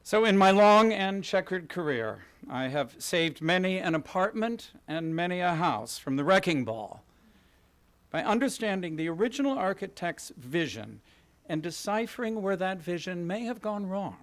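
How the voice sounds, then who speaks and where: A man's voice: sits high, lively intonation, normal speed. A middle-aged man from Kansas City giving a prepared talk at a podium in an event hall, gracious and self-deprecating, telling stories in a polished way. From Kansas City, USA. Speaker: guest speaker, interior designer. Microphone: podium microphone.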